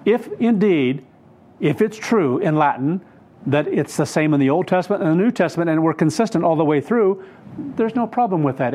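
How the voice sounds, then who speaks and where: A man's voice: a little high, a little mellow. A man teaching on scripture off the cuff, earnest and rambling, often correcting himself mid-sentence. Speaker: Bible teacher. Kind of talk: unscripted Bible teaching.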